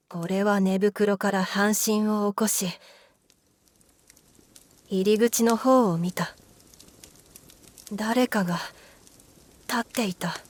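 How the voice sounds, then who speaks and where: A woman reads a scripted ghost story in a hushed, eerie manner. Her delivery is very slow, with deliberate pauses between short phrases. Her pitch sits in the middle range for a woman.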